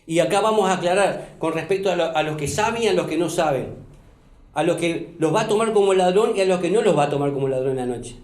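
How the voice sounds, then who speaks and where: A pastor preaches with emphasis, repeating phrases and putting questions to his congregation. His voice sits high for a man. The echoey church room rings around him. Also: quick pace, darkish tone. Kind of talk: sermon. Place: church hall.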